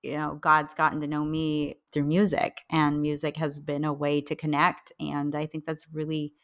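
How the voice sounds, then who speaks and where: A woman's voice: sits low, monotone, normal speed, a bit bright. A woman from North Dakota hosting a podcast, introducing her guest and chatting in an upbeat, encouraging way. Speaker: podcast host.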